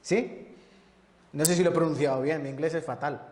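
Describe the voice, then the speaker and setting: A man's voice: fairly high pitch, steady tone, moderate pace, darkish tone. A man teaching a Bible sermon as an evangelist, often asking the congregation questions and checking with tag questions. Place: church. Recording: echoey church hall.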